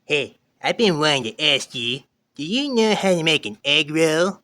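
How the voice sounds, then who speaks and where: A man's voice: a little high, big pitch swings, moderate pace, bright, forceful tone. A man voicing a corny puppet comic, trading setup-and-punchline banter in a comedy act. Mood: corny, playful. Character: corny joke-telling male puppet comic.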